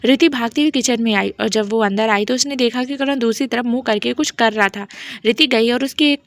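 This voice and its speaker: A woman storyteller narrating an audio love story with steady, expressive reading. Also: fairly high pitch, fairly quick, dry recording.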